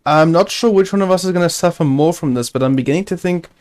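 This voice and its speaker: A man's voice: on the high side, fast talker, darkish tone. A man hosting a gaming video, giving casual gameplay commentary, chatty and self-narrating with wry asides.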